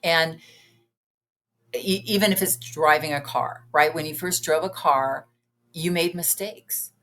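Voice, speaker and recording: A woman in her late fifties with a low voice talks as a guest coach on a podcast. She is chatty and earnest and speaks in quick, loose bursts. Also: fairly bright tone. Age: 50s. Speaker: guest, weight-loss coach. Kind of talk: casual podcast conversation.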